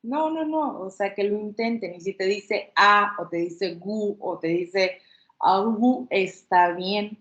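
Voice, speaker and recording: A woman's voice: medium pitch, steady tone, takes it slowly, fairly bright tone. A woman giving an informal workshop talk, reassuring her listeners and acting out baby sounds as examples. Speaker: child language workshop presenter. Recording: echoey room, slightly dull audio.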